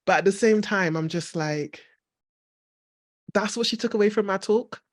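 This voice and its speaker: A woman hosting a podcast, chatting casually and telling a story with lively quoted reactions. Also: medium pitch, moderate pace. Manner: animated storytelling, frequent laughter. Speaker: podcast host. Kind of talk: casual conversation.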